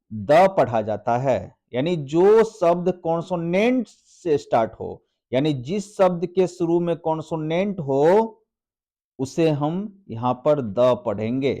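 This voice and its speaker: A man teaching English grammar in a video lesson, asking himself questions and answering them, drawing out each example word slowly. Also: on the high side, warm tone. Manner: slow and deliberate, asks questions then answers them; spells out example words slowly. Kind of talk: classroom-style video lesson.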